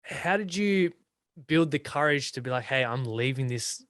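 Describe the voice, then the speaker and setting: A man hosting a podcast, speaking in a relaxed, earnest way and asking follow-up questions. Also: mid-range voice, normal speed, dry recording, clean studio sound. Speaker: podcast host. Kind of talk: casual conversational interview.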